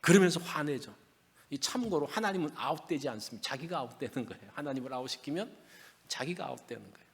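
A man's voice: on the high side, expressive, fast talker, vocal fry, breathy edge. A male pastor preaching a Sunday sermon in a church, conversational and asking his listeners questions. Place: church sanctuary. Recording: long reverb of a church hall.

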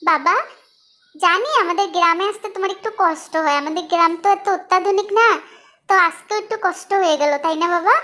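A woman's voice: extremely high pitch, a little fast, bright, forceful tone. A woman voicing a bossy but soothing village mother-in-law who scolds, then coaxes. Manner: scolding, then coaxing in dialect.

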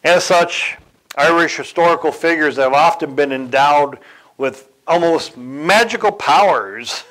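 A man giving a sermon in a deliberate way, pausing, correcting himself and chuckling now and then. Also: a little high, a bit bright, low-quality recording. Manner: slow, deliberate delivery with occasional chuckles and self-corrections. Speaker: church speaker.

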